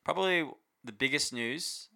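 A man's voice: on the high side, expressive, normal speed, vocal fry, pushed and bright. An Australian man co-hosting a casual rugby league podcast, talking in a matey, emphatic, agreeable way. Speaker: sports podcast co-host.

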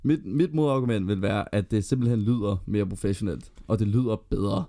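A man with a Danish accent co-hosting a relaxed podcast, his voice low-pitched and mellow. He argues his side and spins out long everyday anecdotes in easy, conversational talk. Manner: argumentative, tells long anecdotes. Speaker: podcast co-host. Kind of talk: casual chat.

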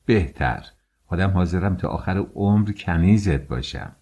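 A man's voice: low-pitched, expressive, warm tone, husky, exaggerated voice. A man voicing an eager, lovestruck young woman in an audiobook, speaking in a pleading way.

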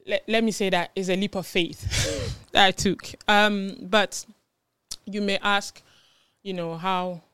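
A woman in her thirties from Ghana, hosting and opening her own podcast in a bubbly, excited way. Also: medium pitch, smooth, no room sound. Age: 30s. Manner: bubbly and excited, with laughs and fillers. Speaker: podcast host. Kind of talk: casual solo podcast intro.

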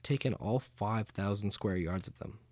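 A man with a fairly low voice guiding listeners through a scripted audio tour. He keeps it chatty and playful, slipping in jokes between explanations. The recording is close and dry, with no room sound. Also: moderate pace, darkish tone, no echo.

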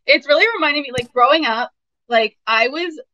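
A woman's voice: high voice, fairly quick, pushed and bright. A young adult woman co-hosting a casual podcast, talking in an emotional, rambling way with many filler words. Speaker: podcast co-host. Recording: slightly dull lo-fi sound, dry.

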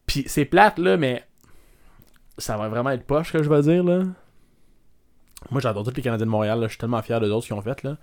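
A man with a Québécois French accent, co-hosting a podcast in casual chat, animated and joking with loud outbursts. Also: medium pitch, brisk, long pauses. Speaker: podcast co-host.

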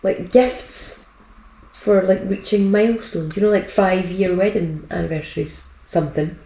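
A woman with a medium-pitched voice co-hosts a casual podcast. Her banter is dry and teasing. The room echoes around her, as caught by a laptop's own microphone. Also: steady tone, a little slow, vocal fry, dark tone, a little hiss or hum. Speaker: podcast co-host. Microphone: built-in laptop microphone.

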